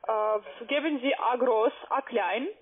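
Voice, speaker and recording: A woman with a husky, higher voice works a sales call as a call-center agent, speaking measuredly in broken, non-native German. She's insistent and reassuring, often repeating her agreement, and the phone line sounds tinny.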